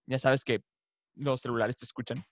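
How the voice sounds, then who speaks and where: A man's voice: medium pitch, level tone, moderate pace, no room sound. A playful man chats casually as a podcast co-host. His voice sits in a middle register and is captured dry and close, with no room sound. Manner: playful, laughs often, imitates cartoon voices. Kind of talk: casual chat.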